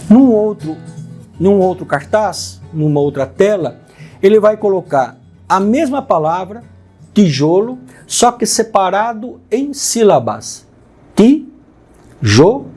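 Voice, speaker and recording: A Brazilian man with a slightly raised pitch talks through a lesson point by point. He keeps pausing to check his listeners are following. Soft guitar music plays quietly underneath. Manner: explains step by step, checking in with "tá?" and "né?". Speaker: host, union president. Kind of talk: spoken educational explanation. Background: faint guitar music.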